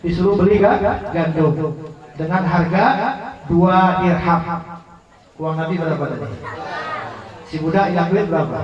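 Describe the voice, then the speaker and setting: A man's voice: sits high, unhurried, pauses often, some chatter behind. A man preaching to a study gathering, telling a story with jokes and questions for the audience. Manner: animated, jokes with the audience, asks them questions. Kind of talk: sermon storytelling. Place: religious study gathering hall. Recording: echoey, distant, dull hall recording.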